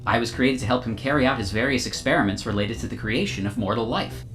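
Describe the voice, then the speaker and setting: A man voicing a small, glowing male AI construct that speaks in a calm, formal, overly literal way. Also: medium pitch, quick pace, faint music behind, natural voice. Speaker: game master. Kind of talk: tabletop game role-play.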